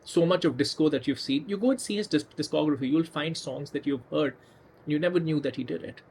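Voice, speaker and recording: A man's voice: a little high, fairly quick, gravelly, darkish tone, slight background noise. A man hosting a casual storytelling video, talking conversationally with restarts and emphatic asides. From India. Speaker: music channel host.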